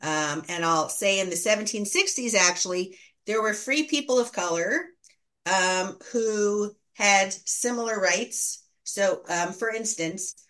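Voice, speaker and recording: A woman who is a history scholar and teacher speaks as an academic interview guest in a lowish, fairly bright voice. Her explanations are thoughtful, didactic and conversational, and she corrects herself as she goes.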